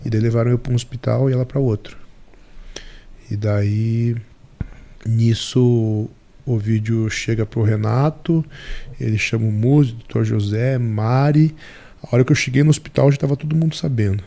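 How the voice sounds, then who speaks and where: A man as a podcast guest, telling a story in a lively way and acting out the dialogue. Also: medium pitch, moderate pace, gravelly.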